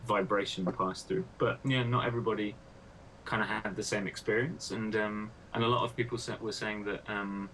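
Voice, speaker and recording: A man's voice: on the low side, steady tone, normal speed, bright, forceful tone, slight background noise, poor audio. A man, a PhD student, interviewing a guest in casual conversation, thinking aloud with many fillers.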